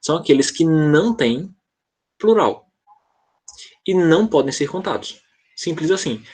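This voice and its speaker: Husky-voiced Brazilian man teaching English. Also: on the high side, animated, unhurried, darkish tone. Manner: explains patiently, checks in with frequent "tá?". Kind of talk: online class explanation.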